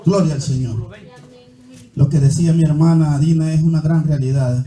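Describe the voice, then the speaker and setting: High-voiced preacher in an echoey church. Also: male voice, steady tone, normal speed, dark tone. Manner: calls the listeners "hermano" again and again; reads scripture aloud with a running commentary. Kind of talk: sermon. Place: church hall. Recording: echoey church hall, mic far off, faint music.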